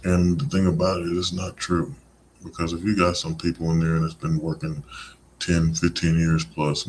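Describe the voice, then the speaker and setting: This podcast host has a very deep voice and talks through a live-streamed show in a loose, rambling monologue peppered with "you know." A faint hiss or hum sits under the audio.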